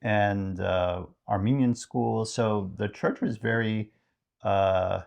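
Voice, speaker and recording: A man's voice: lowish voice, slow pace, creaky, a little mellow. A middle-aged man, a podcast co-host, talking reflectively in a casual chat and thinking aloud with many fillers.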